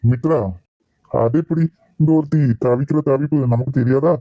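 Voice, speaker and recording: A man's voice: mid-range voice, moderate pace, no echo, lo-fi sound, voice pushed down, lightly acted. Give me a man playing an old cartoon grandparent, worried and heard from a little way off. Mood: concerned. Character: elderly grandparent, concerned for grandson.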